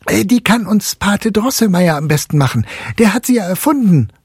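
A man voicing a lively, bold young boy who talks in an excited, boastful way. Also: high-pitched, moderate pace, vocal fry, slightly rough, no room sound, studio quality, voice pushed up, heavily acted. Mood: eager.

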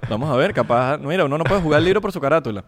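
A man's voice: on the high side, lively intonation, very fast. Chatty man hosting a casual vlog. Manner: playful, chatty, lots of slang. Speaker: host. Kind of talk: casual chat.

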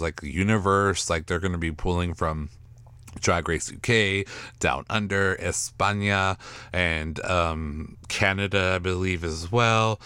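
A man's voice: low-pitched, bright, forceful tone, clear, resonant tone, no echo. A man hosting a casual solo podcast recap, sassy and catty, peppering his talk with "like" and "girl". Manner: catty, sassy, quick-talking with lots of "like" and "girl". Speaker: podcast host recapping a show.

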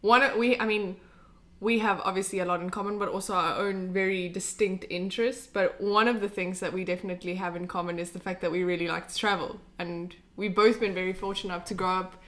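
A woman's voice: mid-range voice, steady tone, fast talker, a bit bright. A young woman from South Africa hosting a casual podcast, chatty and upbeat, asking her guest questions. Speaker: podcast host.

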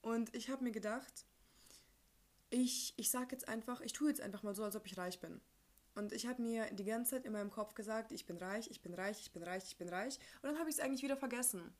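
A young Ukrainian woman hosts her own casual, personal podcast, talking informally with youth slang and bits of English thrown in. Her voice is on the high side and fairly quick.

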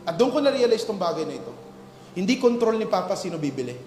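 High-voiced pastor in echoey hall. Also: male voice, big pitch swings, fast talker, darkish tone. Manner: storytelling, mixing English into Tagalog, rising to emphatic preaching. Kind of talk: sermon with personal story. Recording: echoey hall with faint music.

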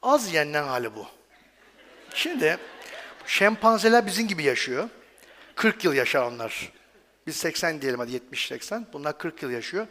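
Male speaker for a stage talk, joking and chatty, fairly high voice that swings widely, long hall reverb. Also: big pitch swings, normal speed, long pauses, bright, forceful tone. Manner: chatty and joking, asks the audience questions. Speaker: medical professor giving a talk.

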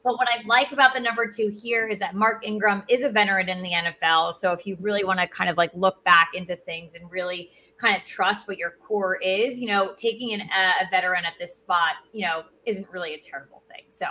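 A woman's voice: mid-range voice, fairly even intonation, fairly quick, hardly any pauses, bright, forceful tone. A woman hosting a sports show, leading a ranked countdown in informal, emphatic conversation. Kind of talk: casual sports countdown chat, leading the rankings.

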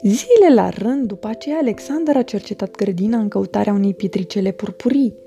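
Gravelly woman reading a storybook. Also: medium pitch, expressive, warm tone, soft background music. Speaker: narrator. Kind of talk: storybook narration.

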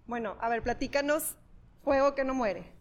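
A woman co-hosting a podcast interview, relaxed and playful. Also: high voice, moderate pace, highs cut off. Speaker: podcast co-host.

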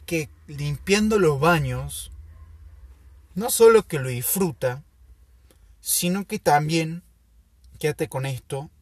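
Man, slow delivery, husky voice, dry close sound. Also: fairly high pitch, expressive, no echo. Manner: slow, thoughtful, with pauses and fillers. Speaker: podcast host. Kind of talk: casual storytelling monologue.

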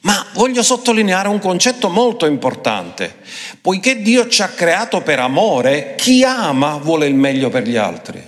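A man preaching a sermon emphatically, switching between quick phrases and slow, drawn-out ones. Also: high voice, big pitch swings, fairly bright tone. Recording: long hall reverb.

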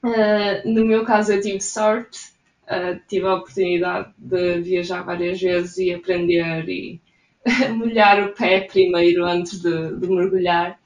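A young woman from Portugal with a European Portuguese accent, chatting easily through interview answers and laughing softly now and then. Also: on the low side, steady tone, takes it slowly. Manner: chatty, frequent soft laughs. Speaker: interviewee, immigrant in Sweden. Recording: roomy echo.

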